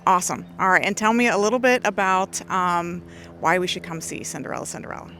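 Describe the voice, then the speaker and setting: A woman host interviewing young cast members outdoors, her questions quick and brisk. Her voice is bright and upbeat. A faint hum of outdoor ambience sits underneath. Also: fairly low pitch. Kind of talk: community TV interview. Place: outdoor theatre stage.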